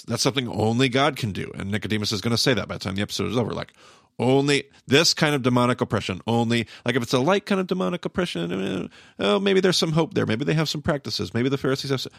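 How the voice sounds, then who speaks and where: Low, gravelly man in emphatic discussion. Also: a bit bright, no echo, studio quality. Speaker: podcast co-host. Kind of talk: casual discussion and commentary.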